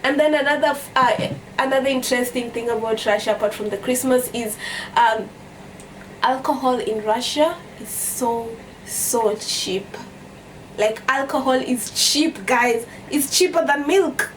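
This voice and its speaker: In a high voice and a slightly slow delivery, a young Kenyan woman with a Kenyan accent chats to camera in storytime vlog style, repeating phrases for emphasis. She's recorded from a distance, with background noise.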